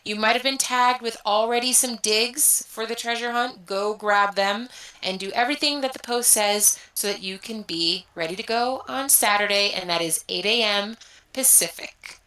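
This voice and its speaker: A woman's voice: fairly high pitch, moderate pace, bright, forceful tone, reverberant, low-quality recording. A woman chatting casually in an online group call, upbeat and giggly, running through event announcements. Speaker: community event organizer.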